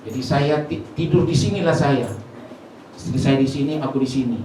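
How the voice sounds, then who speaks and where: A man's voice: mid-range voice, normal speed, mellow. Man preaching in a very echoey hall. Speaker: pastor. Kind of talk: sermon with personal testimony. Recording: very echoey hall, mic far off, faint noise.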